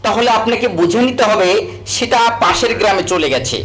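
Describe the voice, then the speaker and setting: A man playing a sly, witty village mullah in a cartoon, talking in an animated, folksy, teasing way. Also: sits high, a little fast, faint music behind, rough recording. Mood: confident, witty. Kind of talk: cartoon character acting.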